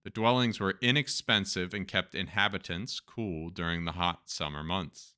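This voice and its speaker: This Turkish-accented male host reads news stories and then breaks into chatty, joking asides. He speaks at a moderate pace in a low-pitched voice that is steady, clean, pushed, and bright.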